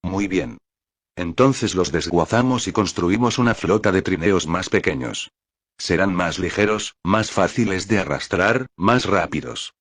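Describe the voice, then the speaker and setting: A man's voice: sits low, lively intonation, unhurried, a bit bright, breathy edge, no room sound, heavily acted. An actor playing an eager, restless young man who argues persuasively for his plan.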